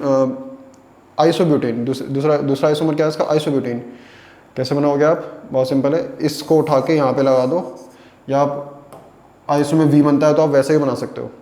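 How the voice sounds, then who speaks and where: A young man teaches a chemistry class in an echoey room, his voice slightly raised yet mellow. He poses questions and answers them himself, repeating key phrases slowly as he writes. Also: fairly high pitch. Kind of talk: classroom lecture with board writing.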